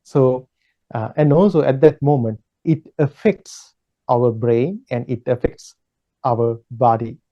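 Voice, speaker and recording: Slow-spoken monk giving a dharma talk. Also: male voice, mid-range voice, highs cut off. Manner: gentle, repetitive, pausing with fillers. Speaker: Buddhist monk teaching.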